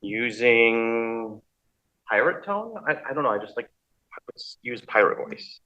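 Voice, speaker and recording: A man lectures to a college audience in a relaxed, conversational way, often repeating a word as he gathers his thoughts. His voice is bright and pointed, and the sound comes through dull and lo-fi, with little room echo. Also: medium pitch, measured pace. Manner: conversational, thinks aloud, repeats words. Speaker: math lecturer. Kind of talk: public lecture. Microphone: handheld mic.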